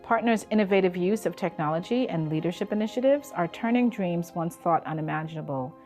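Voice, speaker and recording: A woman reading a smooth, upbeat promotional voice-over. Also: lowish voice, lively intonation, fairly quick, darkish tone, soft background music.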